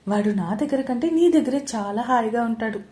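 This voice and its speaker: Woman voicing a cheeky, lively young wife. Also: fairly high pitch, a little fast, lightly acted. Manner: sharp, indignant, cheeky exclamations.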